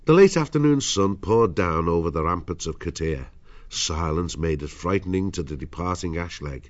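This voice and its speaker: A man's voice: low voice, lo-fi sound. A man narrating an adventure audiobook in a dramatic scripted storytelling style.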